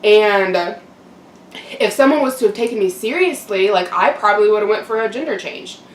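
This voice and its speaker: A young woman talks casually to camera as a vlogger, candid and reflective. Her delivery is halting, with frequent pauses. The sound is echoey and set back from the mic, with faint noise behind her. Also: medium pitch, animated. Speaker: mukbang vlogger. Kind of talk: casual personal monologue to camera. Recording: roomy echo, distant mic, background noise.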